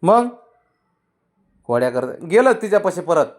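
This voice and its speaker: A man's voice: high voice, very animated, moderate pace. A man coaxing his pet cat in affectionate, sing-song baby talk, calling it over and over. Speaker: cat owner. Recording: roomy echo.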